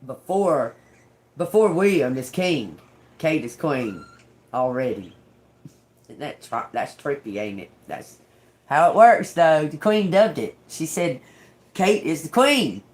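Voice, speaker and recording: A woman's voice: deep voice, expressive, slow, a little mellow. A woman in her fifties doing a tarot reading for viewers in an emphatic, chatty way, calling them y'all. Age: 50s. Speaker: tarot reader.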